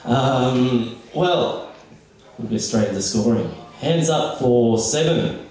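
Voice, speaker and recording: A man MCs a poetry slam at an unhurried pace, repeating himself as he announces. The sound is very echoey and distant. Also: mid-range voice, lively intonation, darkish tone. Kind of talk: live event announcing. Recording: very echoey hall, distant microphone.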